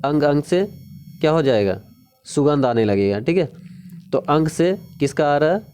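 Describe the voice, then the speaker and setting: A man's voice: a little high, animated, darkish tone, a little hiss or hum. A man teaching a casual exam-prep lesson, repeating key words and often checking in with the viewer. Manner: repetitive, keeps asking "ठीक है?"; drawn-out sing-song pronunciation drills.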